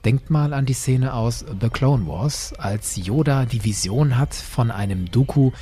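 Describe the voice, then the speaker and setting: In his solo explanatory podcast, the host speaks unhurriedly to listeners in a mid-range voice with a dark tone and breathy edge. His delivery is emphatic, conversational and orderly, addressing the audience directly.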